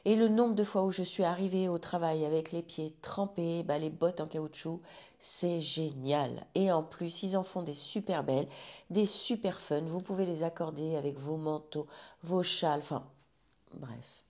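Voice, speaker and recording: A woman's voice: deep voice, a little slow, dark tone. A woman talking casually to her viewers about knitting, chatty and rambling, with frequent restarts. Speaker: knitting vlogger.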